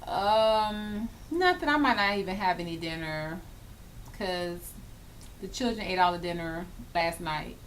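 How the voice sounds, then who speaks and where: A woman voicing a dull, listless woman on a phone call who gives flat, low-energy answers. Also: a little slow, a little hiss or hum.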